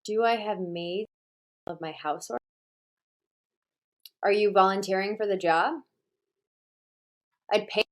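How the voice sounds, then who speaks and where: A woman's voice: mid-range voice, takes it slowly, pauses often. A woman hosting a livestream, chatting casually and rambling with lots of "like". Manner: rambling, heavy use of "like". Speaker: livestream host.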